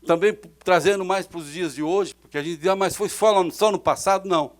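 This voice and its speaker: A middle-aged man with a Brazilian accent, a pastor preaching a fervent sermon in church, swelling loud and dropping soft. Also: sits high, brisk. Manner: fervent preaching with sudden swells and drops in loudness.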